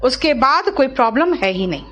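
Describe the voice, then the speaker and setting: Woman teaching, high and lively. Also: dull audio. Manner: explains slowly, drawing out words syllable by syllable; asks students questions, checks understanding. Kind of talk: classroom grammar lesson.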